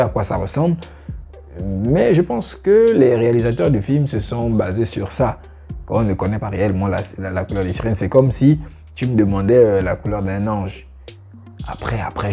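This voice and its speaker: A man's voice: on the low side, creaky, mellow. A young man giving his opinion in a casual reaction vlog, talking straight to his viewers with lots of fillers. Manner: conversational, addresses viewers directly, many fillers. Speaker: YouTube reaction channel host.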